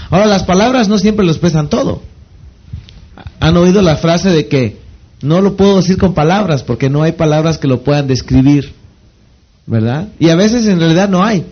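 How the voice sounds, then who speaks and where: Man, Mexican accent, motivational seminar trainer, rhetorical questions, fairly high voice, muffled lo-fi sound. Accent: Mexican Spanish. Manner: rhetorical questions, pausing for the audience to fill in words. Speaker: network marketing trainer.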